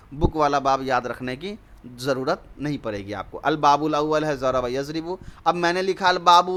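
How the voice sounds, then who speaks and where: A man's voice: fairly high pitch, pushed and bright. A man with an Indian Urdu accent teaching an online Arabic grammar lesson, explaining step by step and mixing in English words.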